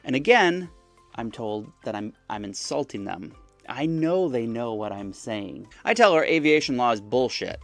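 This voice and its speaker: A man's voice: medium pitch, animated, normal speed, gravelly, no room sound, faint music behind. A man telling the story of his chat with a scammer in a casual, mocking way, often acting out the messages. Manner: wry, mocking, acts out chat messages in other voices. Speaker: scam-baiting content creator.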